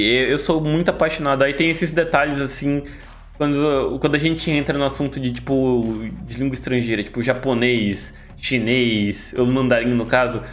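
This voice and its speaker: Young Brazilian male react host; eager, rambling casual talk, a touch high-pitched. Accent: Brazilian Portuguese. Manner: rambling, enthusiastic, restarts often. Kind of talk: casual chat.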